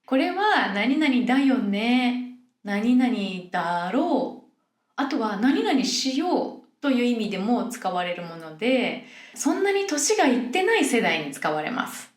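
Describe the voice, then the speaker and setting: A young woman from Yokohama hosts a casual podcast for people learning Japanese, explaining in a friendly way and acting out sample phrases. Her fairly high voice is sing-song and a little slow, and the recording has a roomy echo.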